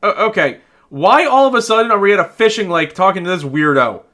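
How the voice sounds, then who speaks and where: A man's voice: sits high, lively intonation, a little fast, pushed and bright. A man giving exasperated, sarcastic and profane commentary as he reviews a video game.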